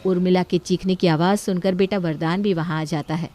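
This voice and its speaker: A woman narrating a family story in a calm storytelling tone. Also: lowish voice, fairly quick, faint music behind. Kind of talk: scripted narration.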